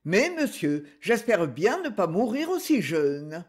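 A fussy Parisian gentleman, stiff and ceremonious in every reply, as a woman reads him. His voice is a little breathy, slow and swings widely in pitch, as in a storybook reading. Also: sing-song, heavily acted. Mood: solemn courteous. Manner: ceremonious, overly courteous.

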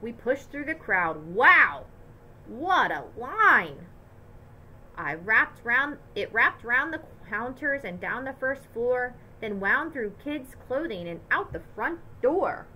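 Bright, expressive woman reading aloud. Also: fairly high pitch, measured pace, hardly any pauses, slight background noise, poor audio. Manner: lively, expressive storytelling. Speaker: teacher. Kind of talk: reading a picture book aloud to children.

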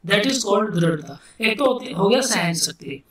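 A man with an Indian accent teaching English vocabulary in a casual classroom style, repeating words slowly and asking himself questions as he explains. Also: sits high, big pitch swings, fairly bright tone. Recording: echoey room, distant mic.

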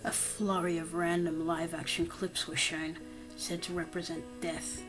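A woman with a fairly low voice reads a creepypasta horror tale in a steady scripted tone. Her voice goes hushed and slow for the grim parts, over clear background music. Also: poor audio. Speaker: creepypasta narrator. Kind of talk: scripted horror story narration.

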